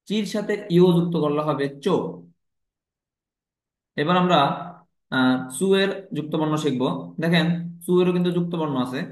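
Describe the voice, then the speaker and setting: Male teacher, patient step-by-step explainer, slightly high pitch. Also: echoey room. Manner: patient, repeats each step slowly. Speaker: language teacher. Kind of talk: explanatory lesson.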